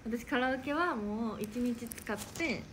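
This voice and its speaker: A young woman with a Kansai accent, chatting quickly and talkatively on a livestream and giggling often. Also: a little high. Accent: Kansai Japanese. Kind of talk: casual livestream chat. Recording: clear background noise.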